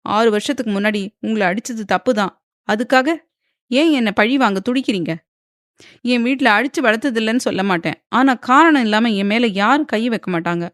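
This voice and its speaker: A young wife in a romance audiobook, tearful and agitated, her voice pitched high and pushed loud, voiced by a woman narrator. The sound is close and dry. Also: moderate pace, pauses often, no room sound, lightly acted. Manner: pleading, crying, agitated. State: crying. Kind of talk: audiobook character voice.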